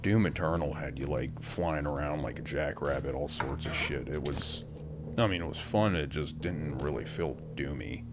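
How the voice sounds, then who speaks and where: Deep-voiced man with crude gameplay banter. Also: normal speed, heavy background noise. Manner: crude, joking, rambling. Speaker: gameplay commentator. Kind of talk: casual let's-play commentary. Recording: game music loud behind the voice.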